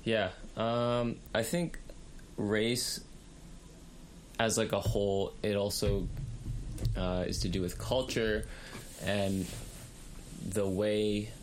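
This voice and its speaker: Hesitant deep-voiced young man. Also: little pitch movement, slow pace, long pauses, a little hiss or hum. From Canada. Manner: hesitant, many fillers. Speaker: podcast co-host. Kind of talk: casual discussion.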